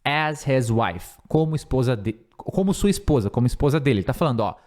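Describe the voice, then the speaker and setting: A man with a Brazilian Portuguese accent, an English teacher who explains grammar and repeats words slowly for pronunciation. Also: medium pitch, expressive, a little mellow.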